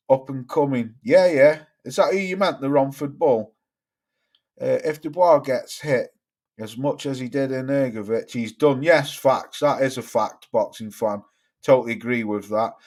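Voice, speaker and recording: A man's voice: mid-range voice, darkish tone. Chatty man reading live chat. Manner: chatty, swears freely, reads chat comments aloud. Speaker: boxing livestream host. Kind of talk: casual live-chat commentary.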